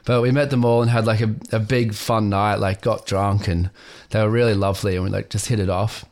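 A man's voice: on the low side, steady tone, fairly quick, darkish tone. An Australian man telling a casual story as a guest musician, laid-back with lots of "like" fillers.

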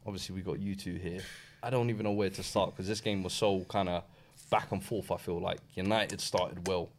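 A man's voice: sits low, steady tone, brisk, a little hiss or hum. A man with a London accent hosting a casual sports chat in slangy, roadman-style banter. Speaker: host.

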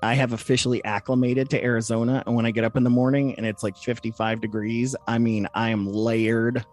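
A man's voice: medium pitch, level tone, fairly quick, a little mellow. A man hosting a podcast in casual, slangy, joking banter. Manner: jokey, slangy. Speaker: podcast host.

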